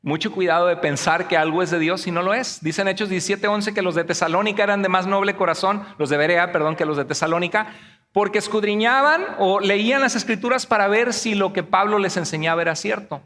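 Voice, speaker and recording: Pastor, male, high bright voice, lively sermon delivery with jokes, long hall reverb. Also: fairly quick. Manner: animated preaching with jokes and acted quotes. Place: church sanctuary.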